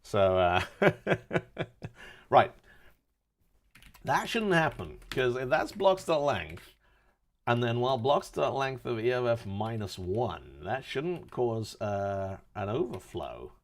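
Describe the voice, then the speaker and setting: A man's voice: mid-range voice, very animated, takes it slowly, pauses often. A man in his forties thinking aloud while debugging code on a casual live stream, cracking dad jokes between mutters. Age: 40s.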